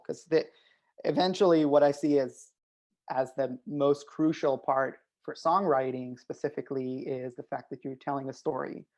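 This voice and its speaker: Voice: medium pitch, darkish tone. A guest speaking in a casual webinar discussion over a video call, hesitant with many ums and uhs.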